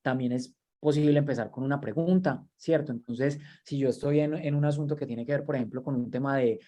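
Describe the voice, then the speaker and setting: A man's voice: mid-range voice, fairly even intonation, brisk, dark tone. A man, giving an online training lecture over a video call. He talks in a conversational way and often repeats words while he looks for the next one. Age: 30s. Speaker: university lecturer and workshop trainer.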